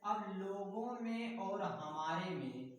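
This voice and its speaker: A man with a high voice teaches slowly and deliberately, asking questions and answering them himself as he builds up memory tricks for his class. His voice booms around a very echoey room. The mic sits well away from him. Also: expressive, far from the mic. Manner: playful, asks and answers his own questions. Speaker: coaching teacher. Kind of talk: classroom lecture with mnemonics.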